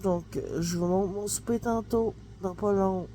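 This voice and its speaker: Chatty Québécoise mom vlogging at home. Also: female voice, mid-range voice, fairly even intonation, unhurried, dark tone, slight background noise. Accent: Québécois French. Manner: chatty, rambling, full of fillers like "là" and "tu sais". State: stuffy nose, talking through the nose. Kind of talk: casual home vlog chat. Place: at home, kitchen then in bed. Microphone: handheld phone camera, no tripod.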